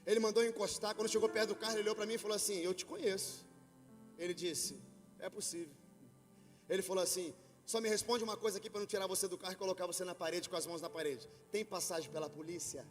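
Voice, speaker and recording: Brazilian pastor guy, high voice, storytelling then shouting the sermon, big reverb hall. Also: steady tone, fast talker. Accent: Brazilian Portuguese. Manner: storytelling that builds to shouted preaching. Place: church hall with worship band. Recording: long hall reverb with faint music.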